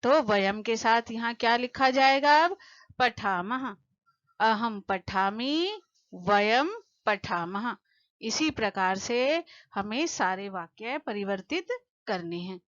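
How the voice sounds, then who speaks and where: A woman teaching a lesson to children, patiently asking questions and answering them, slowing down to spell out word forms. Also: a little high, lively intonation, dry recording, muffled recording. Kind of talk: explaining a textbook lesson to children.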